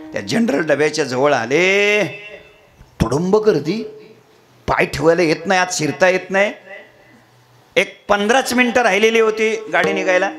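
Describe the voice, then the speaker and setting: Animated high-voiced man telling a sermon story. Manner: animated, theatrical storytelling to an audience. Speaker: kirtan preacher.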